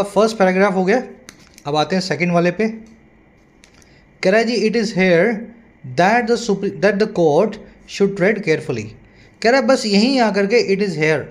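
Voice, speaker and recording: A man tutoring English, reading newspaper lines slowly and explaining them at length, often asking his students rhetorical questions. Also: high voice.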